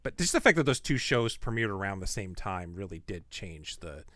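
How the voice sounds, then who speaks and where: A man's voice: low voice, big pitch swings, moderate pace, fairly bright tone, no room sound, studio quality. A man co-hosting a podcast, thinking aloud in casual chat with hesitant restarts. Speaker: podcast co-host.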